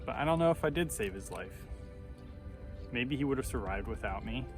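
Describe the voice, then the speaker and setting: A man's voice: mid-range voice, lively intonation, moderate pace. Male vlogger, thirties, mid-range voice. Casual personal read with reflective, self-conscious asides, music underneath. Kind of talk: reading old journal entries aloud with casual commentary. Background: background music.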